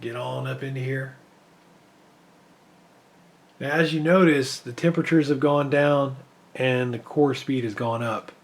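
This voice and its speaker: Benchmarking PC games as his voice gives out, this creator thinks aloud in a rambling, filler-laden way. He speaks unhurriedly with long pauses, in a mid-range voice whose intonation stays fairly even.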